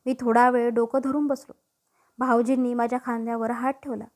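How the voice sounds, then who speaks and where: A woman reads a scripted story aloud in a steady, even manner. Her voice sits high and light throughout. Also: a little fast.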